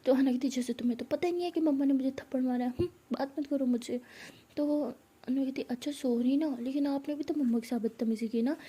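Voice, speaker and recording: Woman, storyteller, high voice, husky, dark, soft whispery narration. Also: fast. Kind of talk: narrating a love story, voicing each character.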